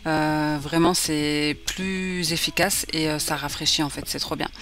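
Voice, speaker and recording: A woman's voice: sits low, steady tone, unhurried, fairly bright tone. A woman in her thirties talking casually through her evening routine as a vlogger, with many hesitations and fillers. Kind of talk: casual vlog voice-over.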